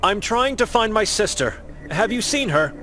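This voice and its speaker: A man's voice: high voice, big pitch swings, moderate pace, pushed and bright, slight background noise, full character voice. A man voicing a young monk in a game who is searching for his sister, polite and earnest as he presses with questions. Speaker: game protagonist.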